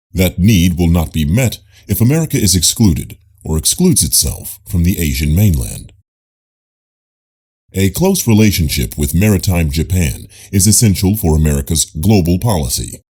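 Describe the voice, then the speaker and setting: A man reads nonfiction in a low, husky voice with a formal, measured, audiobook-style delivery. Even so, his pitch moves in a lively way across each sentence.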